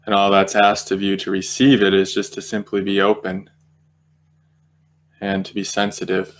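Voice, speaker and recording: A low-pitched man leads an unscripted guided meditation with a completely flat delivery, speaking gently and slowly. He leaves long pauses as he feels his way through each thought.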